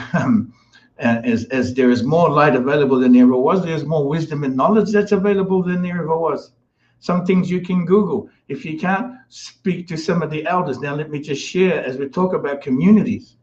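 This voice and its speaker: A man's voice: on the high side, normal speed, darkish tone, dull audio. Man from New giving a rambling spiritual talk. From New Zealand. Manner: meandering, repetitive, with many restarts and fillers. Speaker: spiritual guest speaker.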